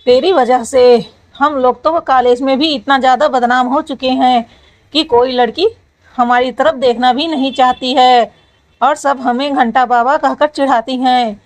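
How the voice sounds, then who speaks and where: Woman reading young male student, whiny, aggrieved, scolding, high voice. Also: steady tone, a little slow.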